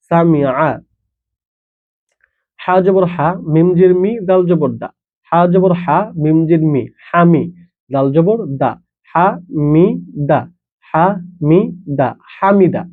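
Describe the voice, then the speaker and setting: Slow, patient man spelling out syllables. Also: on the high side. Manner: patient, repeats each syllable several times. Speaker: Quran reading teacher. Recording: tinny phone-like sound.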